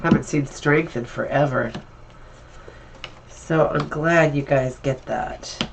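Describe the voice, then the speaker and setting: A woman's voice: low-pitched, takes it slowly, noisy background. A woman with a stuffy, nasal voice from allergies, giving an upbeat and encouraging tarot reading in a casual, chatty way. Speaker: tarot reader.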